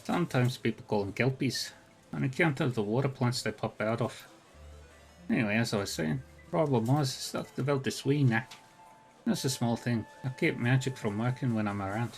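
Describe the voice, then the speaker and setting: A man's voice: medium pitch, moderate pace, vocal fry, soft background music, close to an everyday voice. A man voicing a tough, blunt woman ranger from Dublin with a lilting Irish accent and dry, folksy humour. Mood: chatty.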